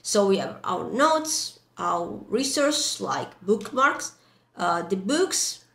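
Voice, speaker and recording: A young woman with non-native English guides a software walkthrough in an echoey room. Her voice sits at a medium pitch. She explains things step by step in loose, informal phrasing. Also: animated, takes it slowly. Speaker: tutorial presenter. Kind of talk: casual screen-recorded software walkthrough. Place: indoor room. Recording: roomy, echoey voice track.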